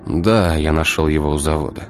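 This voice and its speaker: A man's voice: very deep voice, fairly even intonation, brisk, soft background music. A man voicing a weary, troubled man who speaks curtly and sighs. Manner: gruff, sighing, curt.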